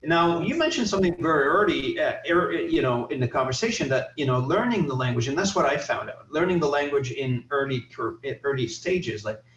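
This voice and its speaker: A man's voice: on the high side, lively intonation, brisk, hardly any pauses, a bit bright, echoey room, far from the mic, lo-fi sound, slight background noise. A man from Lebanon, a native Arabic speaker, hosting a podcast and rambling with many fillers and restarts. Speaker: podcast host. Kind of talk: casual conversation. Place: in Canada.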